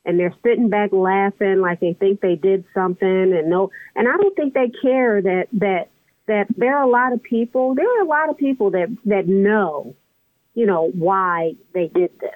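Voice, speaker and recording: A woman's voice: mid-range voice, moderate pace, dry recording. Woman co-host, impassioned and chatty, sounds like she's on a phone line. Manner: impassioned, conversational. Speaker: podcast co-host. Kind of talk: podcast commentary.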